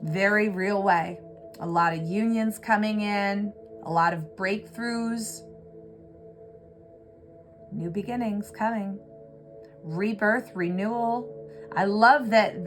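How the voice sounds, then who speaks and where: A woman giving an earnest, reflective tarot reading, pausing often with fillers, over a music bed. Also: medium pitch. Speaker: tarot reader. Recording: clear music bed behind voice. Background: background music.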